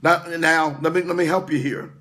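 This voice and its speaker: A man's voice: fairly high pitch, steady tone, moderate pace, bright, forceful tone. A middle-aged male pastor giving an informal livestream sermon, talking straight to his viewers with lots of restarts and asides. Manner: conversational, stammering restarts, talks to viewers in comments. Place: indoor room away from his usual location.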